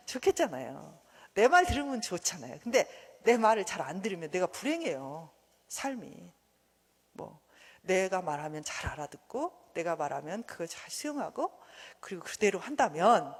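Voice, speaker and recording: A woman's voice: fairly low pitch, breathy edge. A woman giving a church seminar lecture, talking animatedly and acting out bits of dialogue. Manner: animated, acts out quoted dialogue. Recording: long hall reverb.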